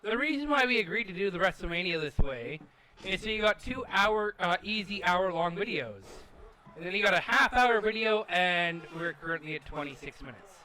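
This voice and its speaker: In a rough recording, a man with a high, bright, forceful voice chats at a moderate pace while playing a wrestling video game, expressive throughout. He's a gaming channel co-host who rambles self-assuredly with lots of filler, and the game's arena crowd is audible underneath.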